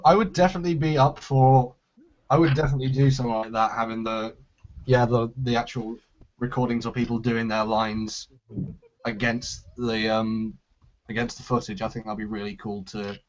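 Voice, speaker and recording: A man's voice: mid-range voice, flat delivery, normal speed, highs cut off. A man hosting a casual Q&A about his series, rambling with lots of restarts. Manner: rambling, hesitant, with frequent restarts and laughs. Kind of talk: casual group chat.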